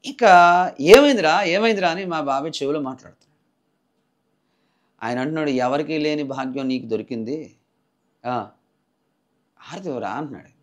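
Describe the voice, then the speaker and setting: A middle-aged man telling his personal religious testimony, swinging between loud, impassioned outbursts and low, hushed passages. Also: normal speed, pauses often. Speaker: preacher giving testimony. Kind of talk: emotional spoken testimony.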